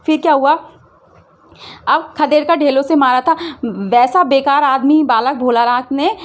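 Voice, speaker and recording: High-voiced woman teacher explaining a lesson. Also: a little slow. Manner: explains by retelling, repeats phrases, asks students questions. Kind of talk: Hindi class revision lesson.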